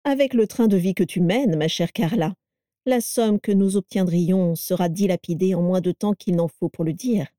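Brief: breezy, unflappable old matriarch, mellow and dry, read by a woman. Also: on the low side, normal speed, no room sound, close to an everyday voice. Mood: placid. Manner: placid, breezy, gently mocking. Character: cheerful, self-assured elderly mother who keeps strange animals.

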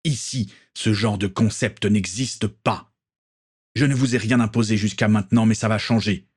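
A man voicing a stern ship captain in a storybook reading, measured and commanding, with a husky voice. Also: on the low side, fairly even intonation.

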